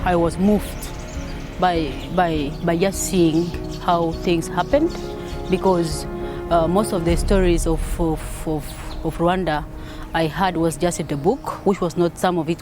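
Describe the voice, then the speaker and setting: A man's voice: a little high, steady tone, normal speed. A man from South Sudan speaking emotionally in an interview, often repeating words. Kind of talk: interview testimony. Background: music.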